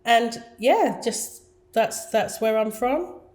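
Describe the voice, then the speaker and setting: A woman's voice: on the high side, animated, takes it slowly, a little mellow. A woman with an Essex accent, a guest artist telling her story in a down-to-earth, hesitant, chatty way. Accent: Essex English. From Essex, England. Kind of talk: casual interview chat.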